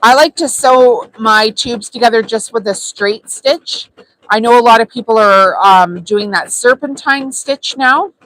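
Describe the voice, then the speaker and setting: A woman's voice: fairly high pitch, unhurried, a bit bright, no echo, rough recording. A woman hosting a live sewing tutorial, talking casually and chattily with frequent ums as she works. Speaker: sewing channel host.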